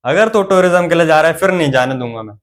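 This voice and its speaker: A man playing a stern middle-aged father who lectures slowly and bursts into angry scolding. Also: a little high, expressive, lightly acted. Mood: lecturing.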